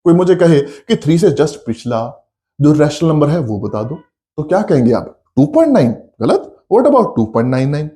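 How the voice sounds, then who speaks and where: A man's voice: fairly high pitch, normal speed. A middle-aged man teaching a math lesson, coaxing his students along and acting out their questions. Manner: lively, coaxing, addresses students as beta, acts out their questions. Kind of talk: coaching class lecture.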